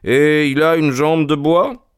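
A man voicing a calm, methodical detective who questions in a measured, inquisitive way. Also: fairly high pitch, clean tone, no echo, studio quality, voice pushed up. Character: sharp, calm male detective, keen and methodical. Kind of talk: audiobook character reading.

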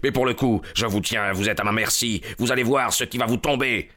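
A man voicing a huge, brutal man who shouts threats. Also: mid-range voice, brisk. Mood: menacing.

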